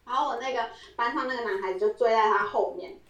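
Animated woman telling a story. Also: a little high, fast talker, far from the mic. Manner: animated, laughing often, acting out quoted lines. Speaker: podcast co-host. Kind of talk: casual storytelling chat. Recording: roomy echo, voice set back from the mic.

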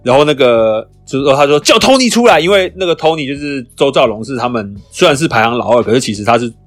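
A man talks quickly and eagerly on a casual podcast, acting out lines as he retells film scenes. His pitch sits in an ordinary middle range. Soft music plays faintly beneath the chat. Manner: fast, animated storytelling with acted-out movie lines. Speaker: podcast co-host.

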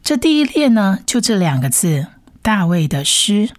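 A woman's voice: medium pitch, very animated, normal speed, no echo. A woman teaching a Bible Hebrew reading lesson, patiently spelling out letters and repeating each sound several times. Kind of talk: slow step-by-step reading lesson.

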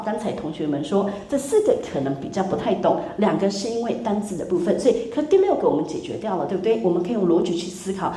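A woman's voice: medium pitch, dark tone. A woman from Taiwan, a university lecturer who teaches a class. She tells anecdotes, asks the students questions and mixes in English words. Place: lecture hall. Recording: echoey lecture room with faint noise.

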